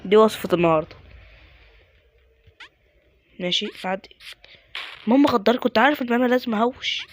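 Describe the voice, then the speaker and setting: A man's voice: sits high, brisk, long pauses, slight background noise. A man with an Egyptian accent giving casual gameplay commentary, muttering to himself and mocking his own mistakes. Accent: Egyptian Arabic. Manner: mutters to himself, self-mocking, with sudden exasperated outbursts. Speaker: gaming YouTuber.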